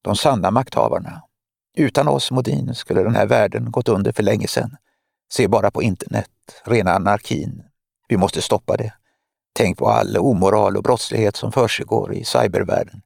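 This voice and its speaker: Audiobook villainess, cold, mocking spymaster woman, read by a man, gravelly, close and dry. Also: on the low side, darkish tone, dry recording. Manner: mocking, lecturing, menacing. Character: cold scheming woman spymaster, middle-aged.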